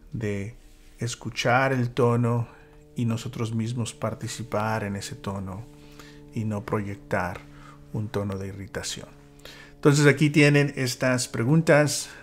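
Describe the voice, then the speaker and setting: A man leading a church small-group Bible study, speaking reflectively with fillers and dropping into a whisper for calm moments. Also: mid-range voice. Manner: reflective, with many fillers and soft whispered asides.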